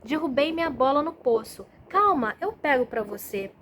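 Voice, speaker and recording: A well-mannered male frog from a storybook, as a woman reader puts him on, patient and courteous in tone. The voice stays fairly high and close to the reader's own. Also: expressive, moderate pace, a bit bright, slight background noise. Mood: polite.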